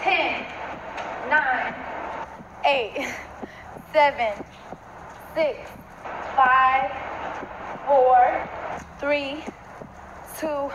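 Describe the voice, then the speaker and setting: A woman's voice: high voice, steady tone, very slow, long pauses, lo-fi sound. A young woman talking casually and emotionally to camera as a nervous vlogger. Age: young adult. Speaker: vlogger in a gender reveal video. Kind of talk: casual excited talk to camera. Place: outdoors in a fenced yard. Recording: noisy, echoey outdoor phone video, played back.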